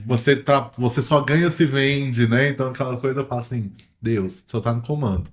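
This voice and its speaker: A man with a Brazilian Portuguese accent, a podcast guest telling stories in casual chat, animated and laughing often. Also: mid-range voice, fairly quick. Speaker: podcast guest, travel agency owner.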